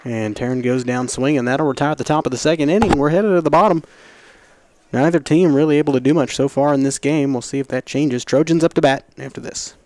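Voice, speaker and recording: An American man giving live softball play-by-play commentary in plain, clipped calls. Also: mid-range voice, fast talker.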